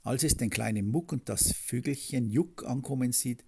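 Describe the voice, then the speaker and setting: A man reading a children's story aloud, with a slow, gentle storybook manner and a husky, gravelly voice. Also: medium pitch.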